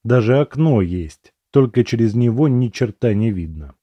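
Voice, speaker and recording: A man narrating a fantasy audiobook in the first person, in an even, measured storytelling manner. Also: medium pitch, slightly rough, no room sound, dull audio.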